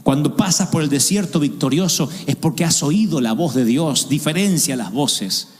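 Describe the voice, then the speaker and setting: A man with an Argentine accent preaching a sermon in a large auditorium, ironic and animated, acting out the voices of God and Job. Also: fairly high pitch, moderate pace, long reverb tail. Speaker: pastor.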